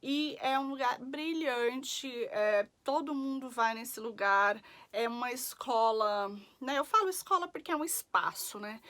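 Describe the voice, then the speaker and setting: A woman's voice: on the high side, fairly bright tone. A young woman from Brazil chatting casually as a vlogger, full of fillers and tag questions. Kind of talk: casual chat.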